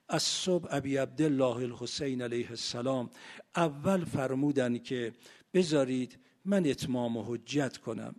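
A man's voice: medium pitch, a little mellow. A man preaching a mourning sermon with an earnest, repetitive cadence.

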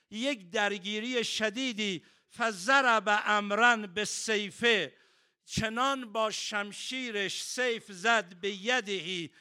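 Male preacher, very high and bright, clear smooth tone, mourning sermon that swells into shouted lament. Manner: narrates in Persian, quoting Arabic text, rising to wailing shouts; slow chanted Arabic salutation at the end.

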